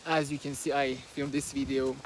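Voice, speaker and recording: A native Persian speaker with a Persian accent walks outdoors and casually summarizes a book, hesitating often with lots of fillers and restarts. His medium-pitched voice is flat and moderately paced. He's a book reviewer using only a handheld phone, so the recording is low quality with a little hiss or hum.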